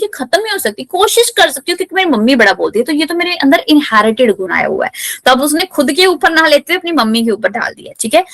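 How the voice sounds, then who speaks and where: Bright, sharp-toned woman teaching a class lesson, playful asides, slow careful reading of text. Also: high voice, no echo. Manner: explains in Hindi, reads English text slowly; lively, playful asides to students. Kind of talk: chapter explanation lesson.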